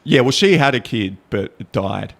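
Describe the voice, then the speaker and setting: A man's voice: mid-range voice, moderate pace, gravelly. A man co-hosting a podcast, chatting casually and retelling a show scene with laughs and swearing. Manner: animated, swearing, laughing storyteller. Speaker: podcast co-host. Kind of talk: casual chat.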